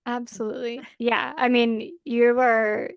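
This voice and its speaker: A woman's voice: a little high, flat delivery, unhurried, smooth, no echo, studio quality. Canadian woman co-hosting a podcast. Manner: chatty, laughs often. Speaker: podcast co-host. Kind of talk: casual podcast chat.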